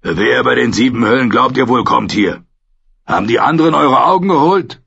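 A man voicing a gruff, stern old commander who barks his orders, in an audiobook reading. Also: fairly low pitch, normal speed, a bit bright, muffled recording, full character voice. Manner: gruff, barking.

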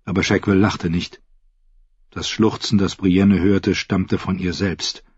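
A man reads a story in a steady, measured narration. His voice sits low and slightly husky. The recording is dry and somewhat dull. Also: no room sound. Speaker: audiobook narrator. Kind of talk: scripted narration.

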